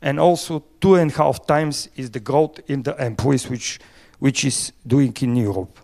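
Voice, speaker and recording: A man from Bulgaria speaking English with a Bulgarian accent, giving a conference presentation with halting phrasing and frequent fillers. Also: mid-range voice, a little mellow.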